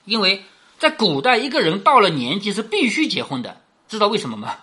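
Woman, storytelling lecture, bright tone, slightly husky, rhetorical questions. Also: mid-range voice, very animated, fairly quick. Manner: chatty, rhetorical questions, laughs while explaining. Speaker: storyteller explaining a classic novel.

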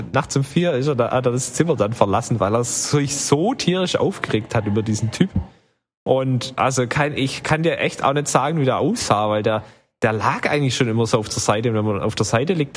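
A man's voice: mid-range voice, slight background noise. A man telling a long travel story in casual chat, rambling with many fillers. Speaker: podcast co-host telling travel stories.

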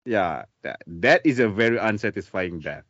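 Halting, laughing man on a lo-fi podcast. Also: lowish voice, animated, a bit bright, no room sound. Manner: halting, repeats himself, laughs often. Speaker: podcast co-host. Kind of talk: casual chat. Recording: dry, dull lo-fi sound.

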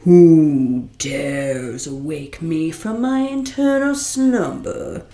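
A woman voicing a stern, sly male genie who speaks in slow, drawn-out warnings. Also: on the low side, lively intonation, gravelly, a little mellow, reverberant, heavily acted. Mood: ominous.

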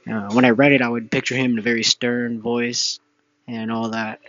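A man's voice: medium pitch, little pitch movement, moderate pace, a bit bright, dry recording, highs cut off. A young man hosting a casual solo podcast, rambling with many fillers and restarts. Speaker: podcast host.

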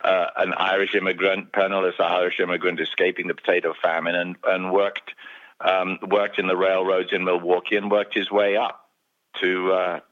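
A man's voice: low voice, little pitch movement, normal speed. An Englishman from England, calling in over the phone as a radio guest, telling stories in a chatty way with restarts. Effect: heard over the phone. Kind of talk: radio interview. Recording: dull phone-line sound.

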